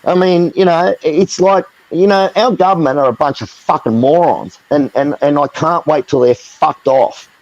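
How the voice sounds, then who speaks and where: A man's voice: on the high side, normal speed, few pauses, a little mellow, no room sound, lo-fi sound. An Australian man in a heated live chat, ranting angrily with lots of swearing. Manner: angry, profane, ranting.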